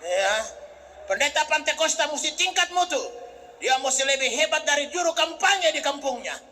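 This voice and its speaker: A male pastor from Sumatra, preaching a humorous sermon, joking and breaking into shouts. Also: very high voice, expressive, moderate pace, a little hiss or hum.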